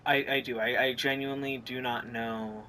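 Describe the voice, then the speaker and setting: Excitable and rambling, this let's play streamer alternates reactions with reading the game's on-screen text aloud. The voice is medium-pitched at a moderate pace, with slight hiss or hum in the background.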